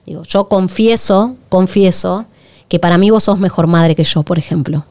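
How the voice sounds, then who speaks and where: A woman's voice: fairly low pitch, normal speed. A woman with a Rioplatense Spanish accent, co-hosting a podcast in candid, confessional chat. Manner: candid, confessional, animated storytelling. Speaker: podcast co-host.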